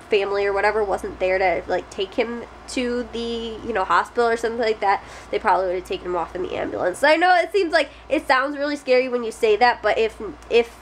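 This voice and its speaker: A young adult family vlogger talks casually to a camera held close at face height in her small bedroom, rambling with plenty of fillers and restarts. Her voice is medium-pitched, and the poor audio carries a little hiss or hum.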